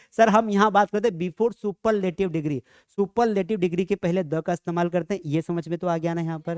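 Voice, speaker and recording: A man teaching a grammar lesson in a lively classroom style, asking rhetorical questions and dropping jokey asides. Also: high-pitched, no echo, studio quality. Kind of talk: classroom lecture.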